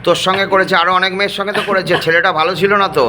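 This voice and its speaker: A man gently and softly coaxing a possessed person with repeated questions during a ritual. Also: high-pitched, little pitch movement, very fast, noisy background. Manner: soft, coaxing, repeats endearments. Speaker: assistant at an exorcism ritual.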